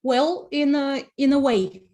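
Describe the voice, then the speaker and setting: A Bulgarian woman in her fifties, a personal finance writer, speaks passionately as a guest on an online panel over a video call, posing rhetorical questions in her Bulgarian accent. Her voice sits high and warm, with fairly even intonation and an unhurried pace.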